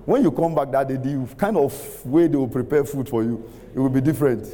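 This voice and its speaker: A middle-aged man preaching a sermon, using call-and-response, laughing often and rising to shouts. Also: medium pitch, brisk. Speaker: pastor. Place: large church hall with congregation. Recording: reverberant hall, faint room ambience.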